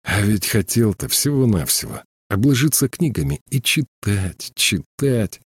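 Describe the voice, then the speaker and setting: A man reading an audiobook, voicing a calm, mild-mannered male teacher who turns out to be a killer, talking with curt, weary impatience. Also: on the low side, moderate pace, no room sound, studio quality.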